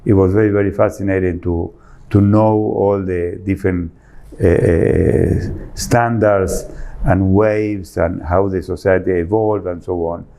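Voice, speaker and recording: Argentine man, low and mellow. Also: fairly even intonation, a little slow, vocal fry. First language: Spanish. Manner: earnest, searching for words, rephrasing. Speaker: architect guest. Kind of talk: interview answers.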